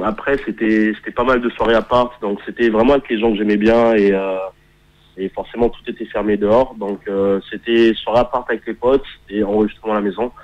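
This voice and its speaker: A man in his thirties who grew up in Kenya and speaks English natively, answering interview questions on radio in a relaxed, hesitant way. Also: medium pitch, highs cut off. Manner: relaxed, hesitant with many pauses. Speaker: guest musician.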